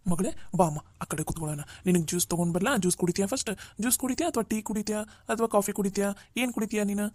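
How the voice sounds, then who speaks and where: A woman's voice: medium pitch, quick pace, a little mellow, no room sound, close to an everyday voice. A woman voicing a tearful middle-aged father in a cartoon, pleading with his daughter for forgiveness in an emotional way. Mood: tender. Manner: emotional, pleading, tag questions. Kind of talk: Kannada cartoon voice acting.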